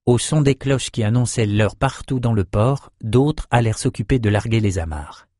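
A man narrating a fantasy novel as an audiobook in a steady, even storytelling manner. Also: medium pitch, normal speed, no room sound, studio quality. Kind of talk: scripted narration.

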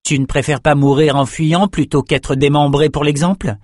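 A man's voice: on the high side, steady tone, normal speed, darkish tone, dry recording, clean studio sound, voice pushed up, lightly acted. A man voicing a defiant young male swordsman held prisoner, speaking firmly and urgently in an audiobook. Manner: firm, urgent. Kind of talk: audiobook character reading.

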